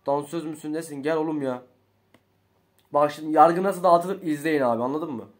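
A young man, commentating his own gameplay casually, slangy and excitable, swinging between low muttering and loud outbursts. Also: moderate pace. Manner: slangy, swears often. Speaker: gaming YouTuber.

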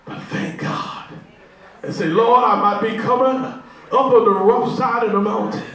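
Brief: male preacher, high ringing voice, slow and drawn-out, heard from afar in a booming church. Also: steady tone. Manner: impassioned call-and-response preaching, shouting in sustained whoops. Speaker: pastor. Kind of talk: sermon. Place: church sanctuary. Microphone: handheld microphone. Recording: very echoey church from far off, with congregation and organ.

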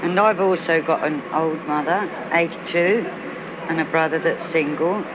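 A village man answers an interviewer, plainspoken and worried. His voice sits fairly high for a man. A clear hiss from the old film soundtrack runs under him. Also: normal speed.

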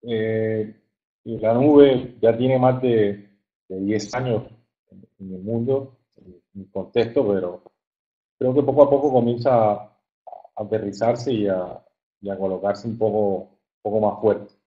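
A software engineer from Colombia's Caribbean coast, a man with a fairly low voice and that coastal accent, presents informally at an online webinar. He speaks haltingly and keeps repeating words while searching for his next phrase. The audio sounds muffled and narrow, like a phone call.

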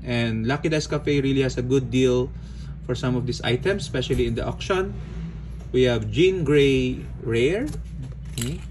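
A man from the Philippines casually narrating an unboxing, relaxed, with frequent "okay"s and fillers. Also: medium pitch, normal speed. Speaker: unboxing vlogger. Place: indoors at a table. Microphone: phone or camera filming hands overhead. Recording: home recording with audible background noise.

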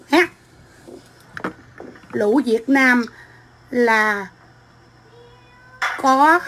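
A middle-aged woman from Vietnam, ranting into her phone on a livestream. Her voice sits high and cuts bright and sharp as she hurls foul-mouthed, combative insults. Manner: profane, combative, shouting insults. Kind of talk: angry livestream rant.

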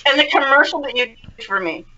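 A woman guest on a podcast, chatting casually and telling lively stories, laughing often between lines. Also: high voice, fast, dull audio. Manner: lively storytelling.

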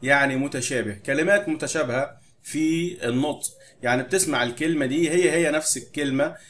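A young adult man with an Egyptian Arabic accent, explaining English vocabulary in a casual register and drilling words slowly and loudly for children to repeat. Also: a little high. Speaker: English teacher. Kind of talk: recorded vocabulary lesson for primary pupils.

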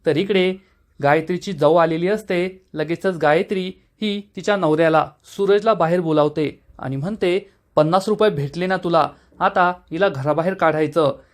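A man with a Marathi accent narrates a recap of a television serial episode in a scripted storytelling manner. His voice sits high for a man, and he reads the characters' quoted lines without changing his voice. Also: moderate pace. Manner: steady storytelling, reading quoted dialogue in the same voice.

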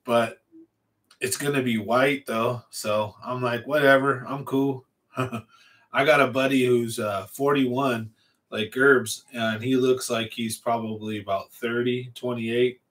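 A forty-year-old man rambles through a casual fishing livestream, answering viewers as he goes. He speaks at an ordinary pitch, close to a large studio mic in a small, cluttered room at home. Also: fairly even intonation, slow, a bit bright. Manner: rambling, laid-back, reads and answers chat. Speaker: fishing channel host. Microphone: large studio mic on a stand in front.

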